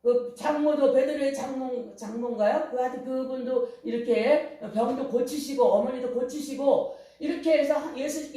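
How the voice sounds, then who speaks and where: A middle-aged woman pastor with a slightly high, mellow voice preaches a revival sermon, weaving in stories and fervently urging her congregation to repent. She is far from the microphone in a church hall with heavy echo.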